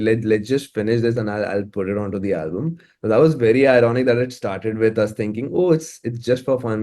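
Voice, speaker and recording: Speaking in a dark-toned voice on the low side, an Indian-accented musician chats informally in an interview. His thoughts take shape as he goes, so he often stammers and repeats words.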